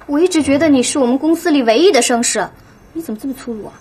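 An actress playing a sharp-tongued, gossipy young office colleague in a TV drama, scolding and knowing. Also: female voice, high voice, racing, close to an everyday voice. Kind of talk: TV drama acting.

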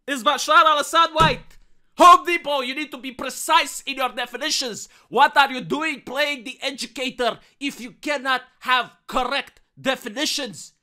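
A young adult man giving a satirical dramatic reading like a hammy stage actor, pompous and theatrical, swinging from hushed lines to loud declaiming. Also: very high voice. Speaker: comedic narrator.

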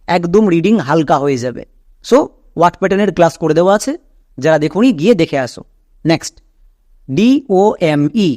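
A man's voice: high voice, dark tone, no echo, studio quality. A man with a Bangladeshi Bengali accent teaching English reading, explaining phonics rules step by step and checking that students follow. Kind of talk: recorded phonics lesson.

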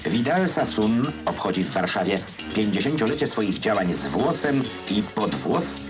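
Male newsreel narrator, old-school: very low, lively intonation, ironic, over loud music. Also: moderate pace. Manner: wry, ironic.

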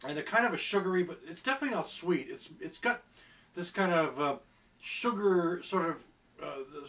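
Reviewing a beer at home, a middle-aged man chats casually but hesitantly, leaning on plenty of fillers as he searches for words. His voice is slightly high for a man and a bit bright, picked up by a distant camera mic in a small room.

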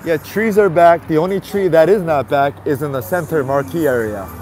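Walking a city sidewalk at night, a male vlogger live-streams on a handheld phone, with slight background noise around him. His voice sits on the high side, darkish in tone, at a moderate pace, and his nose is stuffy. He chats casually, talking to viewers and greeting them again and again.

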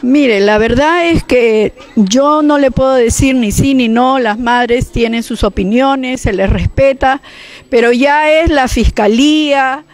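A woman school principal answers in a cautious, evasive way, her voice somewhat high. She keeps to careful official phrasing. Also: takes it slowly. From Peru. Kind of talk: guarded official statement.

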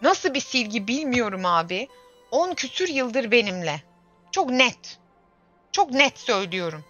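A young woman with a bright, forceful voice chats through a gameplay livestream, exclaiming and grumbling to herself as she plays. The audio is dull and lo-fi, with faint game music under her voice. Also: on the high side, very animated, unhurried. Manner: chatty, exclaims and grumbles to herself while playing. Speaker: streamer. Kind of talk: casual gameplay livestream chat.

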